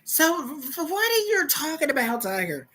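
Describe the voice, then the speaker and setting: A woman's voice: high voice, very animated, moderate pace, a bit bright, low-quality recording. A woman hosting a livestream, telling a rambling story with lots of repetition and cursing. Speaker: livestream host.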